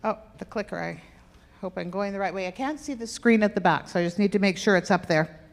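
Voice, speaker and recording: Quick and gravelly, a woman's medium-pitched voice leads an interactive health talk where she playfully quizzes the listeners. The session takes place in a church hall with a stage and aisle, and the sound echoes.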